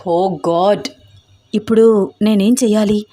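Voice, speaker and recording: A troubled young man pleads anxiously and tries to calm things down, read by a woman narrator. His voice stays close to the reader's own. It is a storybook reading. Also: mid-range voice, unhurried, no room sound, faint music behind, lightly acted. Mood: pleading.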